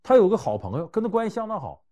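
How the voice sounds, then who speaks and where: A man telling historical and everyday anecdotes to give life advice, conversational and animated, swinging between loud and hushed. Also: high-pitched, racing. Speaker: storyteller giving life advice. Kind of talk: anecdotal storytelling talk.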